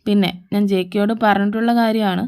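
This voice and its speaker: A woman's voice: mid-range voice, fairly even intonation, fairly quick, darkish tone, clean tone, close to an everyday voice. A woman voicing a stern, suspicious young man who speaks curtly in a fan audio drama. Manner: curt and dismissive.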